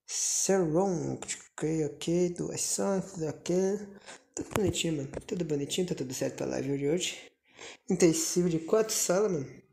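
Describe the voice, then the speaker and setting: A woman streaming a mobile shooter live, keeping her voice down but cursing and groaning excitedly at missed shots. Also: deep voice, a little slow, vocal fry. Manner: keeps voice down, can't narrate loudly. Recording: noisy stream audio with mic clicks.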